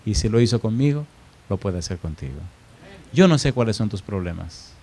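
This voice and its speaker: With a voice on the low side, a man preaches at a moderate, animated pace, narrating a story in church. His delivery swings dramatically from loud to hushed, and he directs questions at the congregation.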